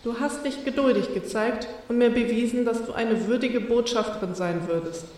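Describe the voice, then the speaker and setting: A woman voicing a wise, solemn female sea serpent spirit who speaks in a measured, ceremonious way. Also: a little high, darkish tone, very echoey, long reverb tail, distant mic, natural voice.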